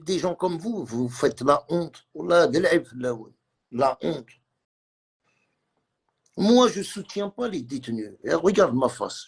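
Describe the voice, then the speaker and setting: This livestreamer's voice is husky and on the high side. His agitated, repetitive rant blends French with Arabic and Kabyle words.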